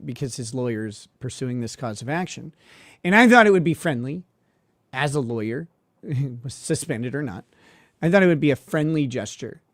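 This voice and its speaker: A man's voice: medium pitch, dry recording. Sardonic man telling a story, dry sound. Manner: sardonic, mocking, with laughs and filler words. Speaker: suspended lawyer and streamer. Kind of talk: casual storytelling monologue.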